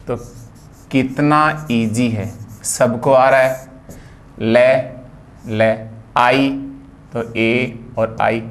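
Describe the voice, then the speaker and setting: Indian male teacher spelling words slowly. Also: mid-range voice. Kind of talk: phonetics lecture.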